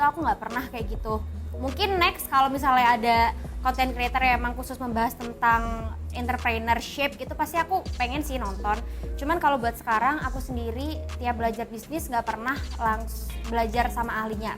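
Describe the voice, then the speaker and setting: A young woman in her early twenties, a student, answering interview questions in a chatty, casual way. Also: fairly high pitch. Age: 21-ish, early 20s. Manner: chatty, often adds "guys". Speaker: student and café worker interviewee. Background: background music.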